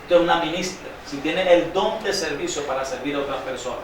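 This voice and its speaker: A man preaching a sermon, quizzing his congregation with call-and-response questions and reading scripture slowly with emphasis. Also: fairly high pitch, a little hiss or hum. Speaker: pastor. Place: church sanctuary. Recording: very echoey church hall, distant mic.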